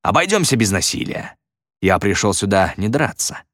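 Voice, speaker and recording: A man's voice: lowish voice, big pitch swings, moderate pace, a bit bright, no echo, studio quality, heavily acted. A man voicing a vain, boastful male stage magician who gloats and sneers theatrically. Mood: gloating.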